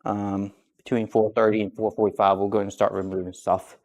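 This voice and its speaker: This streaming vlogger cooks while talking casually, rambling and restarting sentences. He's a young man raised speaking Russian who picked up English at eight. His voice sits on the low side, level and brisk, with a creaky, darkish tone.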